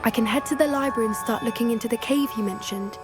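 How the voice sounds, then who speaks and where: A woman with a naturally high-ish voice speaks at a quick pace, voicing an earnest, anxious teenage witch in a video game. She comes across as polite and a little hesitant, with a curious, thoughtful mood, and music plays behind her voice.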